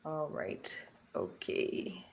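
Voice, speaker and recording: The stream host is a Brazilian woman whose native language is Portuguese, and her Brazilian accent comes through as she talks very slowly. She laughs frequently and swears a little during the casual live stream, and there's a slight hiss or hum in the audio.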